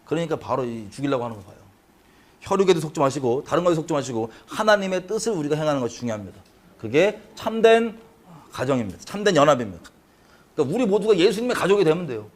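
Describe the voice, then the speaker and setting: A middle-aged man teaching a Bible study, preaching in an animated way and acting out scripture quotes with sudden swings in pitch and loudness. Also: quick pace.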